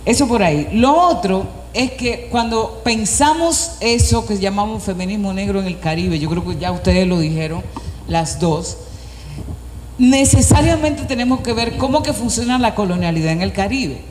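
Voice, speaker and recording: A woman from the Republic, speaking on an academic panel in a measured, explanatory way and posing questions she then answers herself. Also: medium pitch, expressive, darkish tone. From Dominican Republic. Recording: echoey hall with faint background noise.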